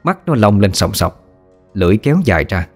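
Brief: male storyteller, dramatic ghost-tale narration, low pitch, faint music bed. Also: big pitch swings, brisk.

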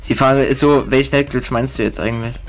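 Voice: mid-range voice, steady tone, quick pace, faint music behind. A gamer, griping sarcastically and swearing while chatting with a friend during a match. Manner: sarcastic, foul-mouthed griping. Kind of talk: gaming commentary, casual chat with a friend.

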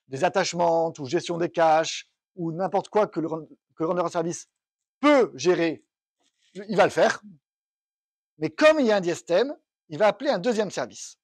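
A man's voice: a little high, a little mellow, no room sound. A man giving a technical conference talk, explaining step by step and thinking aloud with restarts. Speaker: conference speaker. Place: conference room.

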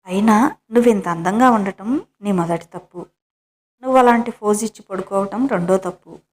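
A woman's voice: medium pitch, normal speed, darkish tone, natural voice. Storybook husband, middle-aged, playful and coaxing, voiced by a woman reader. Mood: teasing. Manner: coaxing, mock-wounded teasing.

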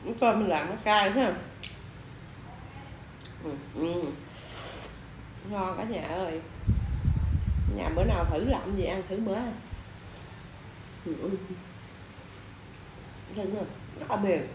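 A woman's voice: mid-range voice, slow, long pauses, slight background noise. A woman talking while chewing, chatting casually and raving about the food in an eating vlog. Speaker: mukbang vlogger. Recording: echoey room with faint ambience.

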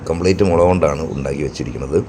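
Very deep-voiced Malayali man, halting vlog narration. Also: a little mellow. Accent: Kerala Malayali. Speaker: vlogger and narrator. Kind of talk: casual travel vlog narration. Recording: clear background noise, outdoor ambience.

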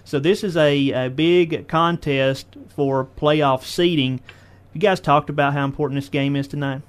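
A man hosting a local high school sports radio show, asking folksy leading questions. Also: steady tone, a little slow, clear, resonant tone. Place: radio studio.

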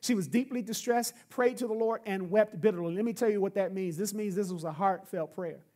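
A pastor delivers a sermon with emphatic, repeated refrains that drive each point home. The voice sits in a middle pitch. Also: a little fast, warm tone. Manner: emphatic, repetitive preaching with refrains.

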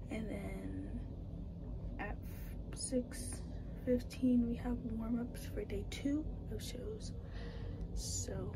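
A young woman in her twenties giving casual, matter-of-fact vlog updates about her work day, often dropping to a half-whisper, filmed on a phone at arm's length in a small ship cabin. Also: a little high. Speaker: cruise ship dancer vlogger. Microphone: phone held at arm's length. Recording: noisy phone vlog audio.

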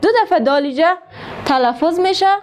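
A woman with a high, light voice and an Afghan Dari accent leads a literacy class. She sounds out words slowly, letter by letter, and gives students frequent praise. She speaks with patience in a classroom. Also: music in the background. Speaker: literacy teacher. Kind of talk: classroom reading lesson.

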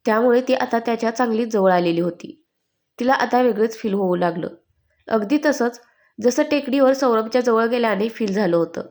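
A woman reading a romance story aloud as storyteller, with steady, expressive narration. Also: a little high, brisk.

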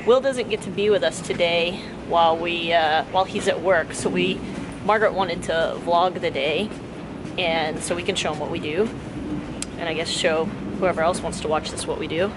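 A woman in her thirties talks loosely to a handheld camera, drifting through fillers and restarts as she plans her day. City traffic hums clearly behind her voice. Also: fairly low pitch, normal speed. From Texas. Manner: relaxed, rambling, with fillers and restarts. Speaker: vlogger. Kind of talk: casual travel vlog chat. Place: outdoors in city streets and train station, later a hotel room. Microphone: handheld camera at arm's length. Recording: street and traffic noise behind.

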